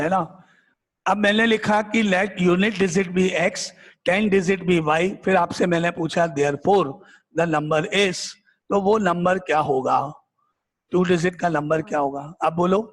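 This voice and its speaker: A male math teacher with a notably high voice works through examples in front of a class, quizzing his students and repeating the same point until it sticks. The sound carries a long reverb, as in a bare classroom. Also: a little slow. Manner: repetitive, drilling questions back at the class. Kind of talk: classroom lecture, questioning students.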